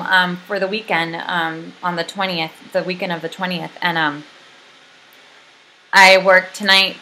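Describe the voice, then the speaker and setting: A woman's voice: on the low side, sharp tone. A young adult woman giving a casual, rambling video update, full of ums and likes. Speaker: vlogger.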